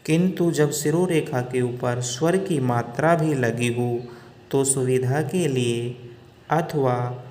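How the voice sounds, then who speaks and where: A man teaching Hindi grammar in a slow, deliberate lesson, drawing out each example sound. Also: medium pitch, darkish tone. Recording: echoey room with long reverb.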